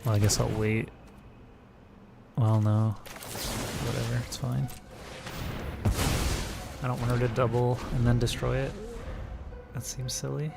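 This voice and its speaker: A man's voice: mid-range voice, little pitch movement, measured pace, creaky, pauses often, music in the background. A man casually thinking aloud while live streaming a digital card game, muttering card names and plays. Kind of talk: casual gameplay commentary.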